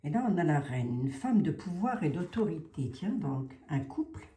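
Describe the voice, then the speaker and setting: A woman with a deep, dark, very animated voice speaks at normal speed in an echoey room. Reading tarot and oracle cards casually as a psychic, she chats in a Lorraine French accent, asks questions out loud, and tacks on "hein" as a hedge.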